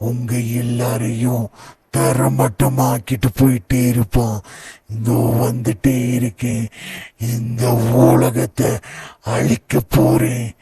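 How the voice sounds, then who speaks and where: Casting: a cruel cosmic villain, slow and gravelly, over music. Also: male voice, mid-range voice. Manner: slow, gloating, drawn-out villain talk. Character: gloating male cosmic villain Thanos, cruel. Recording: music playing behind.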